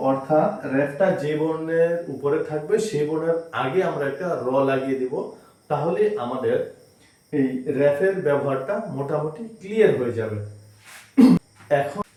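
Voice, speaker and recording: A man teaches a reading lesson, repeating every sound slowly and patiently. His voice sits a little higher than most men's. The room rings with strong echo. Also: darkish tone, distant mic. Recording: very echoey room.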